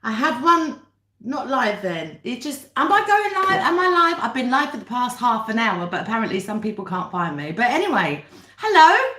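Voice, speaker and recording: Her voice runs a little high, with big swings in pitch, pushed and bright at a moderate pace. A woman with a British accent, she hosts a laid-back livestream, chatting to viewers over dinner mukbang-style in an echoey room.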